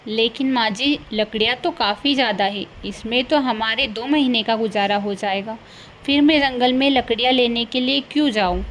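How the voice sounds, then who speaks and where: A woman voicing a meek, hardworking young daughter-in-law in a cartoon, gentle and polite. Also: a little high, moderate pace, a little hiss or hum, lightly acted. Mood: pleading. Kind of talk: cartoon voice acting.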